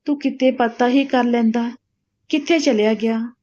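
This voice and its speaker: A woman's voice: on the high side, fairly even intonation, normal speed, darkish tone, natural voice. A woman voicing a worried older village aunt in a spoken story, in a pleading, fretful way. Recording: dull lo-fi recording.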